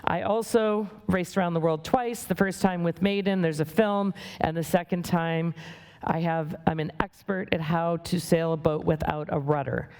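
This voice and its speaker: Brisk, wry middle-aged woman speaker. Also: fairly low pitch, steady tone, a little mellow, clean tone. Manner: brisk, wry and plain-spoken. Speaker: guest speaker. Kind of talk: conference talk. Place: conference hall.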